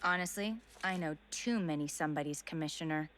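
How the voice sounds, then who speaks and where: An actress playing a confident, analytical young psychologist, poised and conversational, in an animated series. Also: female voice, sits low, a little fast. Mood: playful, coy. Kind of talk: animated crime drama acting.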